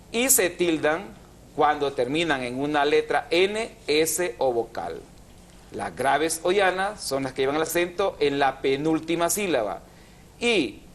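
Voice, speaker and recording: In a didactic TV chat, a language program host walks viewers through spelling and accent rules at a measured pace. He has a slightly high voice for a man and slows to break words into syllables as he spells them.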